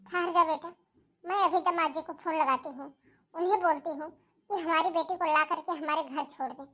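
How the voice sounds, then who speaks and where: Fussy, protective cartoon mom, middle-aged and fretful, with a very high voice, put on by a woman. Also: a bit bright. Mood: indignant. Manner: fretful, scolding, quick to take her daughter's side. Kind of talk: animated cartoon voice acting.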